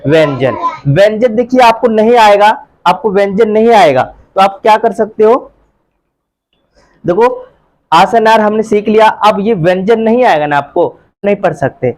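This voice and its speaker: A man teaching a live Hindi alphabet class, leading pupils in call-and-repeat and chanting the letters loudly while coaxing them along. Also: sits high, expressive, moderate pace. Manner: coaxing, calls pupils beta and bhaiya. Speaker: tutor.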